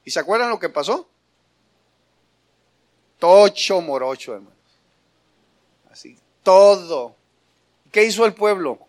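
A man's voice: high voice, lively intonation, slow, long pauses. A man preaching a sermon, firing rhetorical questions at the congregation and calling them brother, building to emphatic passages. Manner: rises to emphatic, louder preaching.

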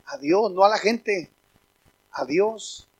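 Speaking slowly with a breathy edge, a pastor gives a sermon from the pulpit, his voice high for a man. He preaches with emphasis, facing the congregation and calling them brothers.

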